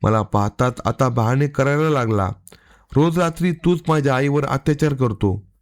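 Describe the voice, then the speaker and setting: A man's voice: medium pitch, moderate pace, close to an everyday voice. A man voicing an angry young wife who hurls accusations, in a narrated crime story. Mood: accusing. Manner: shouting accusations.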